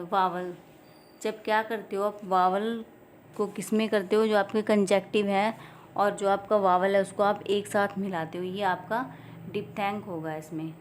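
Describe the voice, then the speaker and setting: A woman with an Indian accent leads an exam-prep lesson, explaining and repeating every point and slowly reading English definitions aloud. Her pitch is medium, with slight background noise.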